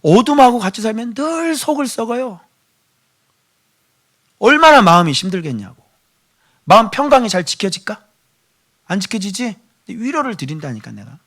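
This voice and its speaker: Middle-aged pastor preaching hard, bright sharp voice, goes from whispering to shouting, keeps firing questions at the church. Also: male voice, high voice, lively intonation, normal speed, long pauses. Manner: swings from hushed whispers to loud impassioned pleading; asks the congregation rhetorical questions. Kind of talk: sermon.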